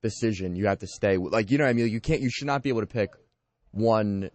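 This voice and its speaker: Low-voiced man talking sports fast. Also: dry recording. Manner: animated, leans on "like" and "you know what I mean". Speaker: sports radio co-host. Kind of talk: casual sports talk. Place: college radio studio.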